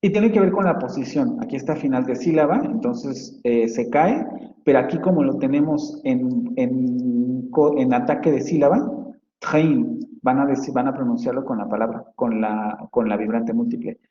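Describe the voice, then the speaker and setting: A man's voice: mid-range voice, moderate pace, warm tone. A male phonetics professor, giving a casual lecture and thinking aloud with frequent fillers and restarts. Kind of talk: university lecture, explaining with examples. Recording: dull, roomy, reverberant lo-fi audio.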